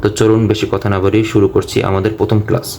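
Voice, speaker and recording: A man's voice: fairly low pitch, flat delivery, mellow, a little hiss or hum. Man spelling out recitation syllables. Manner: spells out each letter and vowel sign, then joins the syllables; brisk, matter-of-fact explaining. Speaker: Quran teacher. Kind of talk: step-by-step recitation lesson.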